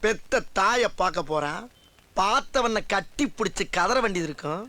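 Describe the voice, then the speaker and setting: An actor playing a boastful, soft-hearted head constable in a comedy film, with a pompous, melodramatic and whiny delivery. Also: male voice, high voice, lively intonation, moderate pace. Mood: sentimental. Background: film score.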